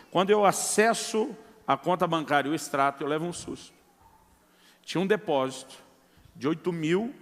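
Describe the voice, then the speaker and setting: A Brazilian man in middle age preaches with a notably high voice. He tells his own testimony, acts out each person's lines, and keeps calling his listeners brother. His voice carries a long reverb that fills the church hall. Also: a bit bright. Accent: Brazilian Portuguese. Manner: storytelling, acts out quoted dialogue, addresses listeners as brother. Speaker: pastor. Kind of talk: sermon with testimony.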